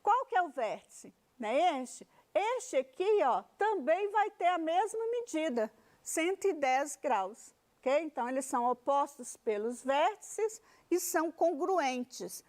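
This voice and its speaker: Slow, lively high-voiced Brazilian woman teacher. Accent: Brazilian Portuguese. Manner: explains step by step, poses questions, tags phrases with "né?". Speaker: math teacher. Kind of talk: televised classroom lesson.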